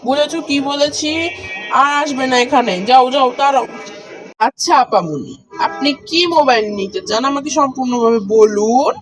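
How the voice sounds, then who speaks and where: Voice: high-pitched, moderate pace, music in the background, close to an everyday voice, rough recording. A performer in a home-made skit playing a bossy shop owner who scolds staff and serves a customer. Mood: shopkeeper. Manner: scolding, then obliging salesperson.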